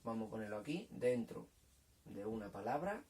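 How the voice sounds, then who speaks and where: A man teaching a children's lesson in a patient, repetitive way, checking understanding often and sounding out syllables slowly. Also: lowish voice, very animated, a little mellow, far from the mic. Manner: patient, repeats points, checks with "¿vale?". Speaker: primary school teacher. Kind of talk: recorded language lesson for children.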